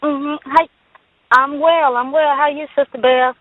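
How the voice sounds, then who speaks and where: A woman's voice: high voice, steady tone, a little slow, crowd noise. A woman calling in to a radio talk show, speaking earnestly and emphatically over a crackly phone line that fades in and out. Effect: crackly phone line, fading in and out. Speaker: caller. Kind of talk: call-in radio chat.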